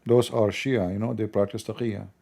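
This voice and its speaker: A man with an Arabic accent, a native Arabic speaker, giving blunt, informal political commentary in halting, repetitive non-native English. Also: fairly low pitch, steady tone, creaky, dark tone. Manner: blunt, opinionated.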